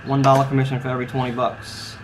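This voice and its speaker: Casting: male casino croupier type, clipped table calls with casual instructional asides, clear ambient noise. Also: mid-range voice, monotone, quick pace. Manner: calls out hands in clipped dealer phrases. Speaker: instructor demonstrating card dealing. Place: at a card table beside a brick wall and door. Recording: noisy, with ambient background sound.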